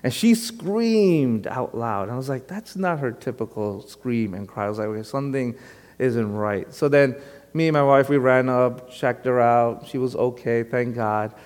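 A man's voice: mid-range voice, normal speed, a little mellow. Conversational man preaching in a reverberant hall. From Brooklyn, New York. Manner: conversational, self-deprecating, with frequent fillers. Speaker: guest pastor. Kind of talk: sermon.

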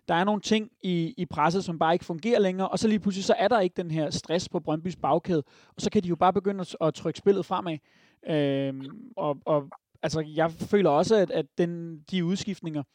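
A man's voice: high-pitched, darkish tone, no room sound. A Danish man giving strong opinions on football in a casual podcast chat, with many fillers. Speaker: podcast panelist.

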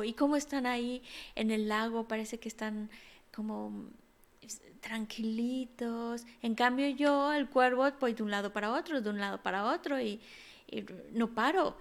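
A woman voicing an envious crow who thinks himself ugly, speaking softly and slowly. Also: fairly high pitch.

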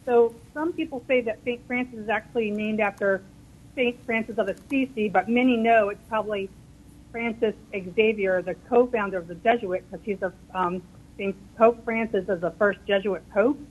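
A woman's voice: medium pitch, normal speed, a little mellow, breathy edge. A chatty, eager woman calling in to a radio show on a speakerphone. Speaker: caller. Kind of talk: call-in radio chat. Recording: caller on a speakerphone over a phone line.

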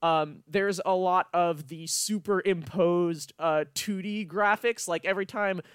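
A man's voice: high voice, steady tone, unhurried, clear, resonant tone, no room sound, studio quality. A man in his twenties co-hosting a podcast, chatting casually and irreverently about a film, swearing and laughing easily. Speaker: podcast co-host.

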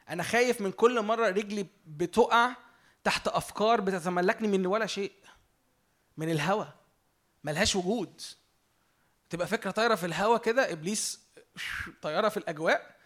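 A man with an Egyptian Arabic accent giving a conversational sermon, earnest, moving from emphatic preaching to quiet self-reflection. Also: high-pitched.

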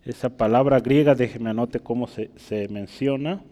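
A man preaching a teaching sermon, often asking the congregation for agreement and pausing to write on a board. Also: mid-range voice, warm tone, big-room sound. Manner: teaching, rhetorical questions, asks listeners for agreement; writes on a board while speaking.

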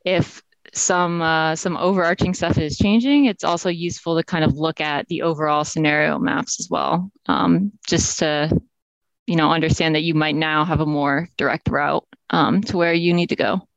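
A woman's voice: low voice, steady tone, normal speed, vocal fry, dry recording. Woman explaining over a video call. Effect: heard over a video call. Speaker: software engineer presenting a map. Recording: dull lo-fi video call audio, dry.

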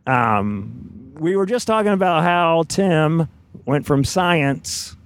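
Riding in a moving car, a podcast host from Indiana chats casually with his guest, teasing him and laughing often. His voice sits on the higher side, expressive and unhurried.

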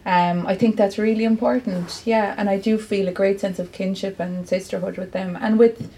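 At a live bookshop interview, a poet from County Clare, Ireland, answers earnestly and reflectively, with many fillers. Her mid-range voice is warm and steady at a moderate pace, though the recording quality is low.

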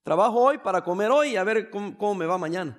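Preaching to his congregation as a church pastor, a Salvadoran man keeps things conversational and slips in jokes. He talks fast in an expressive voice that sits high.

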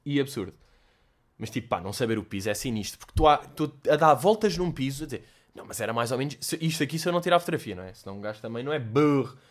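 A young man with a European Portuguese accent, chatting casually as host answering listener questions, animated and swearing, dropping in English slang. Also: mid-range voice, racing. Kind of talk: casual chat.

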